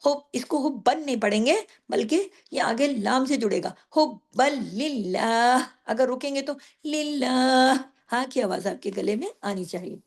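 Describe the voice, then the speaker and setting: A middle-aged woman teaching tajweed. She explains each rule patiently and recites the verses slowly, drawing the sounds out. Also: sits high, animated, husky. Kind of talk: tajweed lesson.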